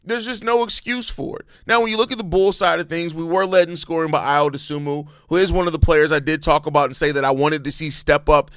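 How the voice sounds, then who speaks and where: A man's voice: fairly high pitch, steady tone, fast talker, hardly any pauses, fairly bright tone, clear, resonant tone, no room sound, studio quality. An American man giving casual sports commentary as a host, informal and emphatic, repeating points to drive them home.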